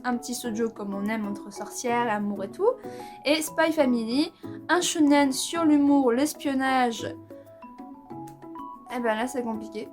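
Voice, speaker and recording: Chatty young Frenchwoman, higher voice. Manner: chatty and enthusiastic, slangy. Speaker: manga vlogger. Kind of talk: casual vlog chat.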